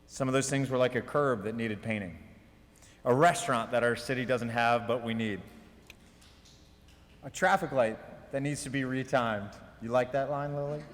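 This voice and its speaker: A man delivering a prepared mayoral speech at a ceremony, in deliberate, emphatic oratory with measured pauses. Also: medium pitch, a bit bright. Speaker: mayor giving an inaugural speech. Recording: reverberant hall, long echo.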